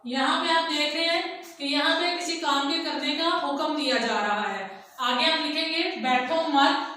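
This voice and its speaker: A woman teacher with a Pakistani Urdu accent leads an online lesson, slowly spelling out sentences word by word. Her voice is high and bright. It sounds distant, in a strongly echoing room. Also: a little hiss or hum. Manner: slow, dictating word by word.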